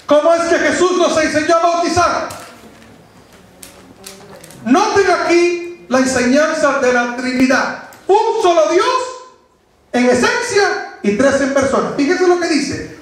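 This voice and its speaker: Before a congregation in an echoey room, a man delivers a doctrinal sermon in a very high, animated voice at a measured pace. He teaches emphatically, repeats phrases for weight, and asks rhetorical questions, all captured in a heavily reverberant recording.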